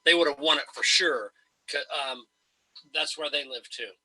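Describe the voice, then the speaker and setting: A man's voice: fairly high pitch, normal speed, bright, forceful tone, breathy edge, low-quality recording. A man being interviewed as a guest author over a video call, talking in a wry, self-mocking and long-winded way. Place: home in Spokane.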